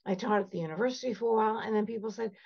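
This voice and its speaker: Rapid-fire and creaky yet a little mellow, an older woman's mid-range voice carries passionate, emphatic storytelling. Born in Egypt and raised in Canada, she's a privacy expert guest, recorded in slightly dull lo-fi audio.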